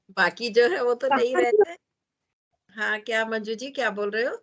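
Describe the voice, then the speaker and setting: A woman's voice: on the high side, lively intonation, a little slow, fairly bright tone, highs cut off. A woman teaching an online astrology class, chatting casually and rambling with easy laughs over a video call.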